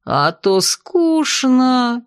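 A woman's voice: high voice, very animated, very slow, smooth, no room sound, studio quality, pitched above the performer's own voice, exaggerated voice. Woman reading as a nosy drawling bride. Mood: prying. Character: big nosy young bride, bold and curious.

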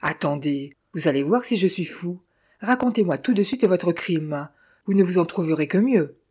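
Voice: medium pitch, expressive, moderate pace, a little mellow, slightly rough. A narrator voicing a coarse, bullying police captain who talks sarcastically and blusters. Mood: blustering. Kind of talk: audiobook character voice.

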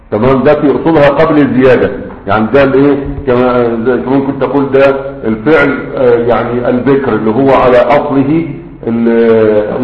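A man with an Egyptian Arabic accent teaching a grammar lesson, explaining step by step and often checking that his students follow. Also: mid-range voice. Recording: roomy, dull lo-fi lecture recording.

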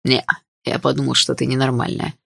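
Woman reading a cocky teenage boy, low and soft. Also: little pitch movement, brisk, gravelly, slightly rough, dry recording, clean studio sound, exaggerated voice. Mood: teasing.

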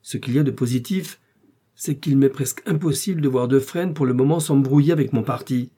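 A man's voice: mid-range voice, brisk, mellow, slightly rough, voice pushed up, natural voice. A man reading an audiobook, voicing a fretful, pompous aristocratic husband who speaks in an agitated, peevish way.

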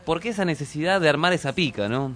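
A man's voice: fairly high pitch, expressive, quick pace, a bit bright. A man with an Argentine Rioplatense accent, co-hosting a radio show in casual chat and adding short reactions and asides. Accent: Argentine Rioplatense Spanish. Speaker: radio co-host.

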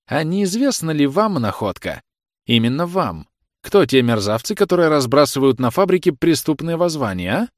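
A male reader puts on an arrogant young officer from an audiobook, sneering and barking his commands. The voice rides high and loud in a dry, close recording. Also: very animated, normal speed, no room sound. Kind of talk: audiobook character reading.

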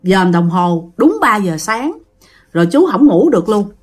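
A woman's voice: medium pitch, big pitch swings, a little slow, a little mellow. A woman with a Southern Vietnamese accent telling a ghost story in a chatty way, speaking directly to her listeners.

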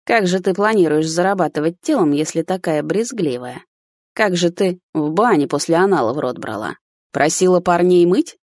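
A woman voicing a sly, mocking older man who talks slowly and teasingly, in a first-person audiobook. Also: lowish voice, expressive, darkish tone, dry recording, clean studio sound, natural voice. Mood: coaxing. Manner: slow, drawling, teasing.

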